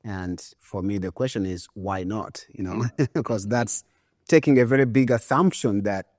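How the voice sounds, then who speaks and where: Deep-voiced man in his 40s from Uganda, relaxed and reflective, dry close mic. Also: moderate pace, no room sound. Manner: relaxed, thoughtful, with frequent fillers. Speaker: guest entrepreneur. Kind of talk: conversational interview.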